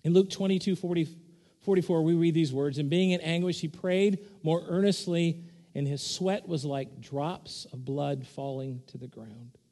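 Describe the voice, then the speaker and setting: A man's voice: fairly even intonation, normal speed. A man preaching an earnest sermon as pastor, building in force on repeated points. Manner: earnest, swells louder and higher on repeated points. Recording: long reverb of a church hall.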